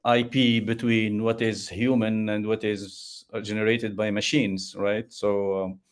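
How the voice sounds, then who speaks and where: Middle-aged male moderator, lowish flat voice, halting delivery, headset mic. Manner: hesitant, halting, many fillers. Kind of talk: video call Q&A.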